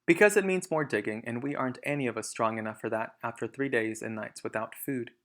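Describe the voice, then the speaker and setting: A thoughtful grown fox and devoted father, voiced by a man reading aloud. His delivery is careful and deliberate, in a children's storybook manner. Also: mid-range voice, fairly bright tone, lightly acted. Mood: discouraged.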